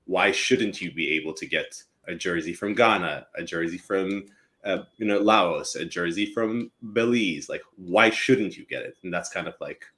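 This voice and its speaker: Deep-voiced young man, easygoing podcast guest. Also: normal speed. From East Africa. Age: young adult. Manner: relaxed, rambling with many fillers. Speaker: podcast guest, company co-founder. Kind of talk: casual podcast chat.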